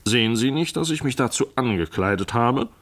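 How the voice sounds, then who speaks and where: A man reading a stately elderly English gentleman. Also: medium pitch, expressive, a little fast. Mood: dignified. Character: genial portly elderly male gentleman, stubbornly dignified.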